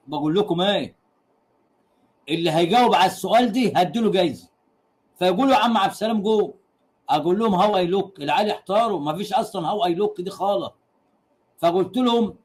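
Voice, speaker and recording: A rowdy Egyptian man with a fairly high voice hosts a casual livestream. He teases his audience, repeats the same punchline again and again, and breaks into laughter between crude jokes. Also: darkish tone. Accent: Egyptian Arabic. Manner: laughs often while talking. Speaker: livestream host.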